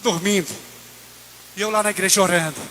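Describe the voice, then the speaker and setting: A man's voice: high voice, steady tone, brisk, a little hiss or hum. A man preaching in church, telling his own testimony with impassioned, rising delivery. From Brazil. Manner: impassioned, rising to near-shouted peaks. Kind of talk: sermon testimony.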